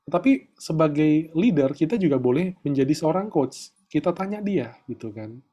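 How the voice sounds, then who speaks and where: A middle-aged man coaching a group in a relaxed, chatty way, often tagging his sentences with little fillers. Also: on the high side, moderate pace, dull audio. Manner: chatty, peppers talk with filler tags. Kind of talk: casual online coaching talk.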